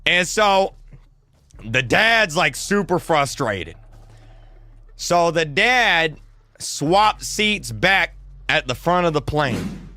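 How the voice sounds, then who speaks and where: Excitable bright-voiced young-sounding man. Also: on the high side, very slow, pauses often. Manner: excitable, slangy, lots of restarts. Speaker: streamer telling a story. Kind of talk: animated casual storytelling.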